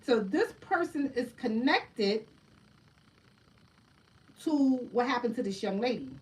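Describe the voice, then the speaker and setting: On a relaxed livestream, a woman reads oracle cards in a fairly high, slightly mellow voice, speaking slowly but with animation and calling her audience "family" while often asking "right?" The recording sounds rough and picked up from a distance.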